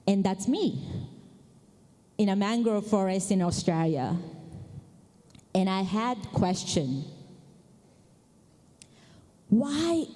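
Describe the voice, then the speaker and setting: Slow-spoken woman in a reverberant hall. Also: medium pitch, darkish tone. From Japan. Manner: slow and deliberate, asks the audience questions. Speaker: keynote speaker. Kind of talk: conference opening talk. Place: large conference hall.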